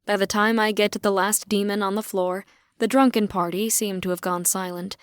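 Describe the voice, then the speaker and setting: A woman narrating a dark fantasy audiobook in first person, with even, wry storytelling. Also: mid-range voice, moderate pace, clear, resonant tone, no echo. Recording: dry.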